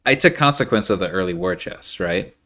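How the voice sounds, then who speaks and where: Animated and quick to react in a high pitch, a man offers laid-back live commentary over a card game.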